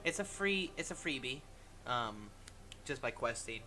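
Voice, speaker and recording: A man's voice: mid-range voice, animated, a little slow, music in the background. A man hosting a game walkthrough with casual commentary, thinking aloud informally.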